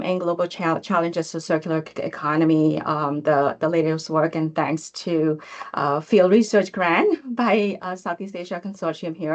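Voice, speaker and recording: Woman hosting a webinar, lowish voice, lots of ums and restarts. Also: dull audio. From Cambodia. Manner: hesitant, many fillers and restarts. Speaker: professor and session host. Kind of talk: online information session.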